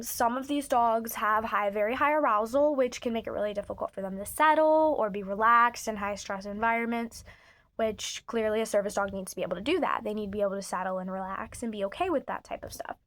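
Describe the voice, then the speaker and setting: A woman's voice: a little high, dry recording. A woman talking casually to the camera in a blunt, chatty way, recorded on her phone's microphone. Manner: blunt and chatty, swears freely. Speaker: service dog handler. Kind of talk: casual vlog talk to camera. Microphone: phone camera mic.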